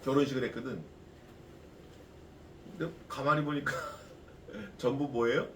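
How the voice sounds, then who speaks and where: A man's voice: mid-range voice, unhurried, a little hiss or hum. Echoey, folksy male pastor preaching. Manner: folksy, animated preaching with rhetorical questions. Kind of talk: expository sermon. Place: church sanctuary. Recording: echoey church from a distance.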